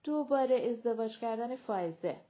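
A woman's voice: a little high, lively intonation, muffled recording, lightly acted. A woman voicing a restless young woman who makes dry, wry remarks, in an audiobook reading.

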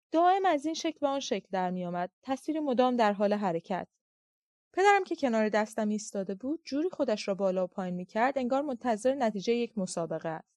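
A woman narrating a literary audiobook in a measured, reflective way. Her voice sits a bit high. The recording is close and dry, with no room sound. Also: a little mellow, dry recording.

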